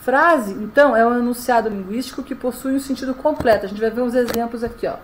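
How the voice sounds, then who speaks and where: A woman's voice: fairly high pitch, fast talker, a little hiss or hum, low-quality recording. Woman teaching a grammar lesson. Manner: explanatory, frequent "tá?" check-ins. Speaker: Portuguese teacher.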